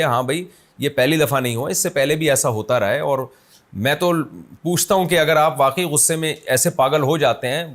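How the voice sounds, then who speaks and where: This Islamic scholar has a fairly high, fairly bright voice. Speaking from his office city, he takes a viewer's question and answers it in a chatty but forceful religious talk, drawing on ordinary examples.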